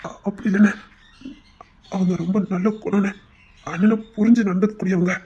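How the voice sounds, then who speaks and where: A man's voice: high-pitched, steady tone, moderate pace, mellow, muffled recording, slight background noise. A young man acting a pleading, apologetic lover in an audio drama.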